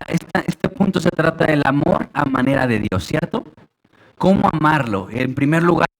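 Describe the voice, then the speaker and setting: Emphatic pastor preaching a sermon. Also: male voice, a little high, rough recording. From Mexico. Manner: emphatic, rhetorical questions to the congregation. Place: church sanctuary.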